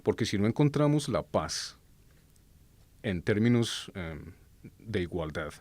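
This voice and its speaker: Earnest, deep-voiced Colombian-born man. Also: a little mellow, no room sound. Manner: earnest, with frequent hesitations and self-corrections. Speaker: political commentator. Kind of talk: unscripted political commentary.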